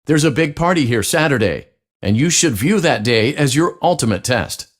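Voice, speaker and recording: This scripted video game tutorial features a man with a natural, medium-pitched voice, lively intonation and normal speed. As the upbeat guide for a pizzeria franchise, he sounds like a salesy corporate trainer, peppy and encouraging, with music playing underneath.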